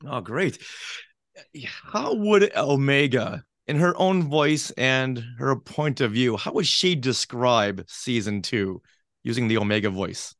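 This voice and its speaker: A man's voice: medium pitch, slow, a bit bright, no room sound, studio quality. A man putting a question to an interview guest.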